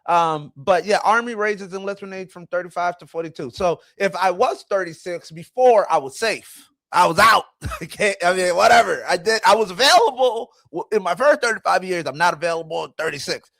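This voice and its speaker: A man in his 40s hosts a casual livestream in a high, brisk, fairly bright voice with vocal fry and no echo. He rambles, greets and talks to his chat, and corrects himself along the way.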